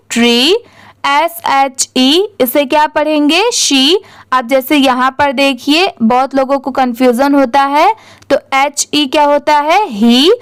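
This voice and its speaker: A young woman with an Indian accent leads a reading lesson, spelling each word letter by letter and then saying it whole. Her voice sits high and she takes her time. The sound is close and dry. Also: a bit bright, no echo. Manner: spells words letter by letter, then says them; asks and answers her own questions. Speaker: English teacher. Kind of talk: slow step-by-step reading lesson.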